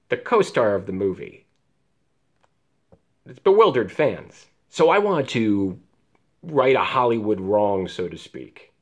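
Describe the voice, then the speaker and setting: A man's voice: on the low side, breathy edge. An American man, a filmmaker hosting and presenting to viewers in a scripted style. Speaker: host, filmmaker.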